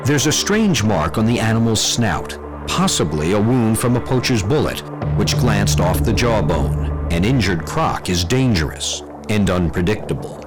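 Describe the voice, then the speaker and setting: Low-voiced man narrating a nature documentary. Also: very animated, moderate pace. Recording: music under the voice.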